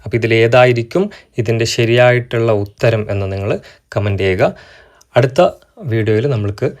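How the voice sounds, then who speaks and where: In this exam-prep grammar lesson, the male instructor asks the class questions, then supplies the answers himself. He spells out example sentences very slowly, speaking at a medium pitch in a steady tone.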